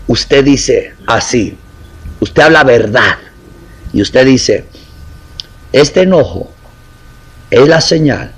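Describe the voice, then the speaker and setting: A man's voice: mid-range voice, low-quality recording. A man preaching a sermon in a conversational way, acting out little quotes and asking the congregation questions.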